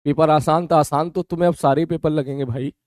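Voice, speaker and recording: A man leads a live online physics class with a mouth ulcer, so he holds back from his usual fast delivery. His voice sits a little high but sounds dark and mellow, with a dry, close sound. He keeps checking in with his students. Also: steady tone, dry recording. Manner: addresses students as beta, checks understanding. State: mouth ulcer, speaking slower than usual. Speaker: physics teacher.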